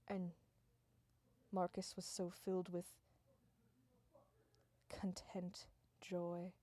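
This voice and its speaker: A woman spins a rambling, deadpan comic tale, chaining one event onto the next. Her voice is mellow and soft-edged, recorded close and dry with no room sound at all. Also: lowish voice, measured pace, no echo. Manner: deadpan, run-on "and then" narration, dropping to hushed tones. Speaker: storyteller. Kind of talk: rambling improvised comic storytelling.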